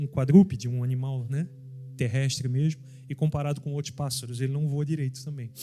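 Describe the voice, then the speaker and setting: A middle-aged preacher delivers a sermon in a voice pitched a little high for a man. He presses hard on key words and turns often to his listeners, with soft music faintly underneath. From southern Brazil. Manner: emphatic, rising to stressed peaks, addresses listeners directly.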